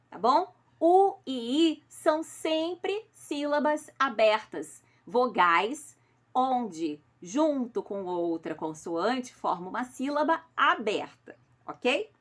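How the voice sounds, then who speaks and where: A woman's voice: on the high side, a bit bright. A Brazilian woman teacher correcting homework in a recorded class, patient and affectionate, explaining step by step and checking in with her pupils. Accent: Brazilian Portuguese. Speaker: schoolteacher.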